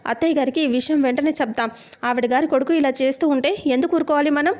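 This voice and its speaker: A firm, probing elder sister who presses with pointed questions, read out by a woman. Her voice is high-pitched and flat, and the scolding comes across steady rather than acted big. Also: fast, close to an everyday voice.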